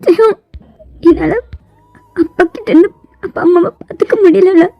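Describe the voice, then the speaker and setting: A woman's voice: very high voice, normal speed, creaky, no echo, highs cut off, pitched above the performer's own voice. A woman voicing a tearful young daughter who stammers and cries as she pleads, in a fan fiction voiceover. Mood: sobbing. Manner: stammering through sobs. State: crying.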